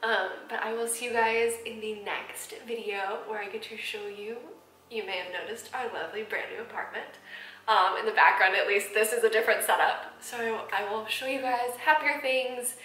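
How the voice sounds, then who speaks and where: A woman's voice: fairly high pitch, fairly even intonation, moderate pace, bright, forceful tone, echoey room, slight background noise, rough recording. A woman in her twenties, speaking candidly and emotionally to camera in a personal vlog, with frequent ums and restarts. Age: 20s. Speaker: vlogger. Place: apartment room.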